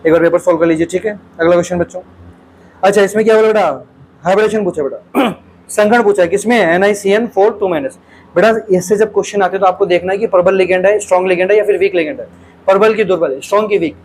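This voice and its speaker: A man's voice: high-pitched, fast, slight background noise, low-quality recording. A male teacher solves exam questions aloud in a lecture, keeps calling his students "beta", and asks questions and repeats the answers.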